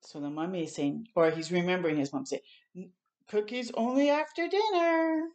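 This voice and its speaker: An older woman, indoors in a small home room, reads a picture book aloud for little ones and sprinkles in encouraging chatter. Her voice is on the low side with a darkish tone, delivered at normal speed.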